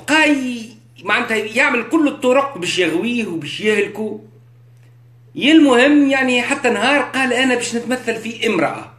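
A man's voice: high-pitched, fairly bright tone. Echoey Tunisian man musing on a livestream. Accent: Tunisian Arabic. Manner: rhetorical, keeps checking understanding, mixes in French. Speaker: live streamer. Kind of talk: casual live-stream monologue. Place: indoors, live on social media. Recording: echoey room.

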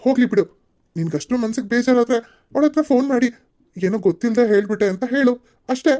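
A woman voicing a mild, advising father in a cartoon serial, speaking in a calm, soothing way. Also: on the high side, fast, natural voice. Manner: mild calming.

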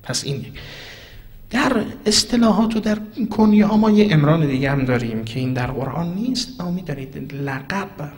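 A man giving a Quranic commentary sermon, swinging between loud emphatic declaiming and hushed, almost whispered asides. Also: on the high side, lively intonation. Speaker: preacher. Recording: long hall reverb.

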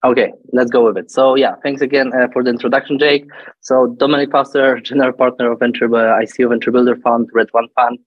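A man's voice: mid-range voice, little pitch movement, quick pace, no room sound, dull audio. A man giving a conference presentation as a guest speaker over a video call, friendly, with some hesitant restarts. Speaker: guest speaker, venture fund partner.

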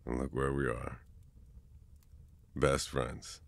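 A young man in a whispered role-play as a best friend, casual and swearing, teasing then gently comforting, close to the mic. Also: very deep voice, level tone, takes it slowly, creaky, dry recording. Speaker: ASMR boyfriend role-play performer.

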